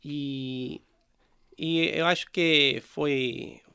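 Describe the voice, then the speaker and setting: Canadian man, slow hesitant speech, smooth clear voice. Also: fairly high pitch, steady tone, pushed and bright. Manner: hesitant, many fillers and restarts in a second language. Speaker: musician guest.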